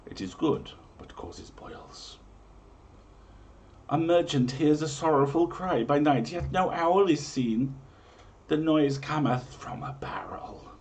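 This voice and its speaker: On his livestream, a man with a fairly high, darkish voice reads a comic slowly and emphatically in mock-medieval English, playing the theatrical presenter. Then the talk turns casual.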